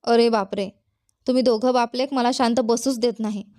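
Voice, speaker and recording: A woman's voice: on the high side, steady tone, normal speed, a little mellow, no room sound, studio quality, natural voice. A woman voicing a good-natured young man who jokes with his friends, in a storybook reading. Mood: easygoing.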